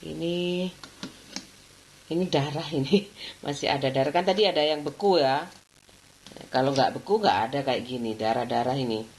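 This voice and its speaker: A woman's voice: low voice, moderate pace, long pauses, darkish tone, slight background noise. A woman chatting casually in her home vlog, laughing often. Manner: chatty, laughs often, mixes in Javanese words. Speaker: vlogger.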